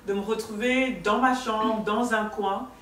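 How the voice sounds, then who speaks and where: A woman's voice: on the high side, steady tone, a little slow, a bit bright. A woman in her thirties telling her personal faith testimony as a talk show guest, earnest and hesitant with many restarts. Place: studio set with sofa, indoors. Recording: roomy, distant, faint room noise.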